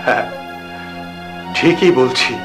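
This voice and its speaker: A middle-aged actor playing a remorseful father who speaks gravely and hesitantly in a TV drama. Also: medium pitch, slow pace, music in the background, lightly acted. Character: remorseful father revealing a family secret. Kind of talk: TV drama acting.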